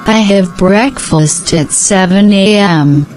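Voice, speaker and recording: A woman giving slow, scripted answers in a repeated language-practice dialogue. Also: mid-range voice, darkish tone, soft background music, low-quality recording.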